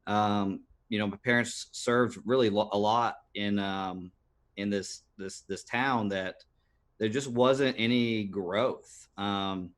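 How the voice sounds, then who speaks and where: Man, thirties, podcast guest; lower voice, halting storyteller with fillers. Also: fairly even intonation. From United States. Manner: earnest, halting with many fillers and restarts. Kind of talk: personal storytelling interview.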